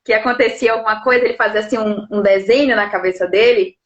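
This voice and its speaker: A woman's voice: mid-range voice, fairly even intonation, fast, highs cut off. A woman interpreter and lawyer explaining things patiently at home, often checking in with little tag questions. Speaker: sign language interpreter and lawyer. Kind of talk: explanatory live interview talk.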